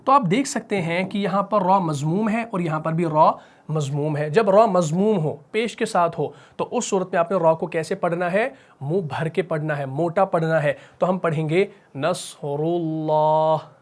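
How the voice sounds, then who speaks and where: A man with a Pakistani Urdu accent teaching Quran recitation rules, who asks the class questions, answers them himself and stretches out the example words slowly. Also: on the high side. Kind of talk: spoken tajweed lesson at a whiteboard.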